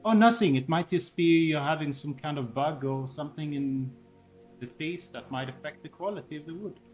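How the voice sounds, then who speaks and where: A man playing a tabletop role-playing game, talking in improvised role-play with hesitant, halting phrasing. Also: fairly high pitch, a little mellow, soft background music.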